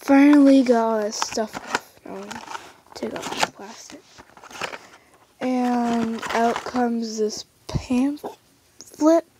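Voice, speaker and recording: A female vlogger unboxing a toy in casual chat, halting and hesitant, full of fillers and restarts, now and then dropping to a whisper. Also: a little high, background noise. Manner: soft-spoken, drifting into whispers.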